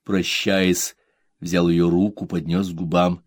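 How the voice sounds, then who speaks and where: A man narrating an audiobook in a measured, even way. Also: sits low, no room sound. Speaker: audiobook reader. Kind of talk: scripted narration.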